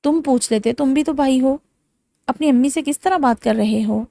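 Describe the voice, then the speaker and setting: A woman's voice: high voice, gravelly, dark tone, dry recording. A woman voicing a stern scolding father. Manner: reproachful. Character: stern older father scolding his son.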